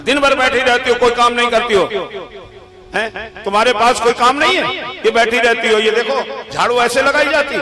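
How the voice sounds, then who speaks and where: A man's voice: very high-pitched, steady tone, roomy sound. A man playing a nagging, scolding husband. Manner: nagging, rapid complaints. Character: scolding husband staging a fake quarrel.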